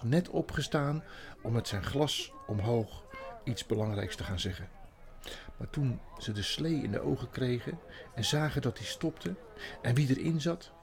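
A man reading a children's story aloud in an expressive, dramatic way. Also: medium pitch.

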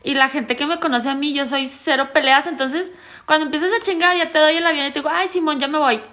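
Woman, Mexican accent, high-pitched, casual podcast chat, slangy, animated storyteller. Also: fast. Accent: Mexican Spanish. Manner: slangy, animated, laughs while telling stories. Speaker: podcast co-host.

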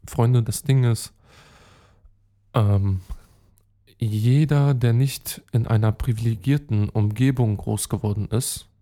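A young man hosts a casual solo podcast in a mellow, medium-pitched voice with fairly even intonation, a slow pace, and long pauses. He rambles chattily to his listeners, full of fillers, restarts, and street slang.

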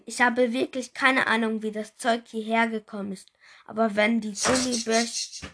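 A woman's voice: on the high side, little pitch movement, moderate pace, noisy background, close to an everyday voice. A woman doing a cheeky ten-year-old boy. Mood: feigned innocence. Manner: playing innocent.

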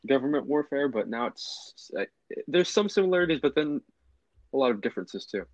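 A man's voice: medium pitch, animated, brisk, no room sound, muffled recording. A young man co-hosting a casual podcast, laid-back and easily amused. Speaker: podcast co-host.

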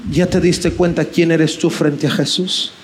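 A man's voice: fairly high pitch, little pitch movement, unhurried, slight background noise. A man preaching a sermon with passion, asking rhetorical questions and repeating key phrases. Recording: faint music behind.

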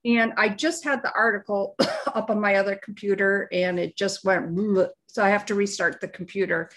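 A woman co-hosting a live podcast, giving unscripted opinions in a halting, deliberate way as she searches for words. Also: mid-range voice, steady tone, a bit bright. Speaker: live show and podcast co-host.

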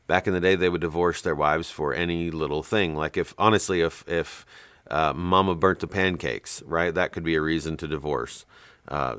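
A deep-voiced man teaches from scripture in a blunt, emphatic monologue, full of ums and quick restarts. His voice is very low and sits dry and close, with no room sound around it. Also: a bit bright, dry recording. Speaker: Bible teacher and show host.

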